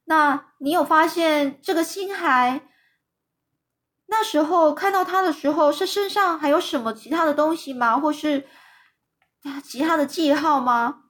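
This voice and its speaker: A woman's voice: high voice, unhurried, a bit bright, pitched above the performer's own voice. A woman voicing a ragged old beggar woman, a grieving mother who pleads tearfully, in a children's storybook reading. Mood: questioning.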